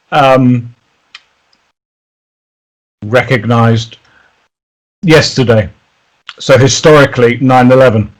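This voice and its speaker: A man's voice: medium pitch, poor audio. A man hosting an interview, rambling casually with many fillers before asking his question. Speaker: interviewer host.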